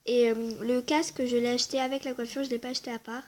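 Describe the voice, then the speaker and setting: High-voiced chatty woman showing her game. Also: level tone, fast talker, a little mellow. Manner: chatty, hesitant, lots of "euh" and "voilà", mutters asides under her breath. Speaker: game vlogger. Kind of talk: casual game walkthrough chat.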